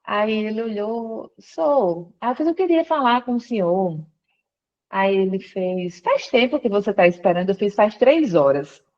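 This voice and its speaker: This is a conversion testimony interview with a woman phoning in as a guest from her job. She speaks at a medium pitch and measured pace over dull audio, telling her story and mimicking others' words with spirited voice changes.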